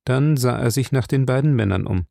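A man narrating a novel in a measured, even storytelling voice. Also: mid-range voice, creaky, dry recording, clean studio sound. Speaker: audiobook narrator. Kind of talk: scripted narration.

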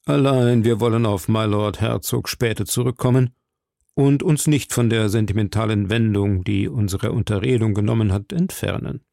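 A man playing a coldly mocking aristocratic lord who speaks in a smooth, measured and sneering way. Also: on the low side, dark tone, no room sound, clean studio sound.

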